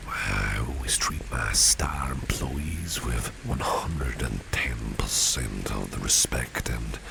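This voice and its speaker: Steady rain and street ambience, including passing vehicles, are clearly audible as a man voices a protective, gentlemanly boss in full character for a flirtatious ASMR roleplay aimed at the listener. His exceptionally low, very creaky voice drops to a breathy half-whisper, and he lingers slowly over suave, courtly lines in an admiring mood.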